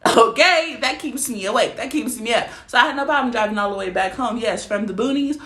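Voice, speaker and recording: A woman's voice: a little high, quick pace, fairly bright tone. A woman in her twenties telling a story to her viewers as a vlogger, blunt and emphatic, swearing freely and often asking whether they follow her. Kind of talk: casual storytelling rant to camera. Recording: roomy echo.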